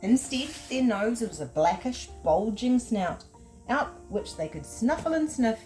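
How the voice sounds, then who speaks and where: Woman, New Zealand accent, storytime reader for toddlers; lively melody, faint music bed. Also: a little high, a little slow, poor audio. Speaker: children's librarian. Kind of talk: storytime read-aloud.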